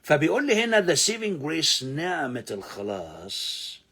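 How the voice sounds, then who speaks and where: A man with an Egyptian Arabic accent teaching English, repeating words slowly for pronunciation drills and swinging between loud emphasis and low asides. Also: wildly swooping pitch, husky. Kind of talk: English lesson explained in Arabic.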